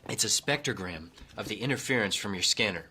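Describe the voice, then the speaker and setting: An actor playing a police tech expert who explains technical details precisely. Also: male voice, on the low side, lively intonation, brisk, bright, forceful tone, slight background noise. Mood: explaining. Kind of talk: audio drama acting.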